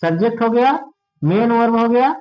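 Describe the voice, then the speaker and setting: A man teaches English grammar to his class in a high, lifted voice. He keeps pausing to ask whether everyone has understood. The recording sounds dull and lo-fi. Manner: checks often if students understand. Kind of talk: classroom lesson.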